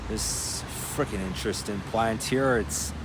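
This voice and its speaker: A man's voice: on the low side, unhurried. A young adult man vlogging in a rambling, casual way, narrating whatever is in front of him. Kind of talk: casual video diary chat. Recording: faint background ambient noise.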